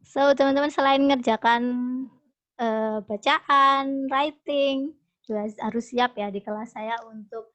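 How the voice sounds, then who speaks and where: A woman's voice: sits high, fairly even intonation, measured pace, a bit bright. A woman teaching an online English class, chatty and encouraging, often laughing as she mixes English with her own language. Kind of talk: casual online class talk mixing English and Indonesian. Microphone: video call. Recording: dull lo-fi video call audio.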